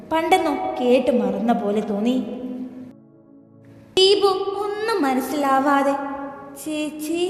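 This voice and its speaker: Woman storyteller, high voice, steady scripted narration, roomy echo. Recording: echoey reverb with soft music.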